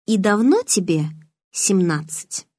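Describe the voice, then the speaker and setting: Woman doing shy teenage girl, earnest and curious, soft voice, audiobook, dry sound. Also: mid-range voice, very animated, slow, breathy edge, no room sound, heavily acted. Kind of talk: audiobook reading.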